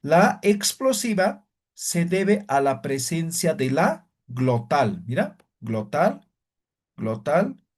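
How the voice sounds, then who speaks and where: Slow, patient male language teacher. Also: a little high, sing-song, darkish tone. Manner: patient, repeats sounds slowly and checks with "¿ya?". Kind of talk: classroom lesson.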